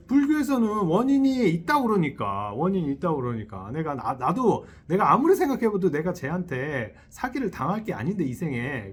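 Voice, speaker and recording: Recorded in a temple hall on a selfie-style camera, a monk delivers a sermon, lively and frequently asking the audience questions, laughing softly as he voices small inner thoughts. He has a high, slightly rough voice.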